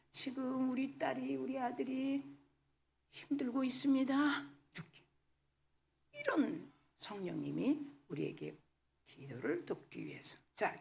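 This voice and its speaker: High, lively, gravelly-voiced woman pastor preaching. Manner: emphatic preaching, mixing English words, often drops to a whisper. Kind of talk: sermon. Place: church sanctuary.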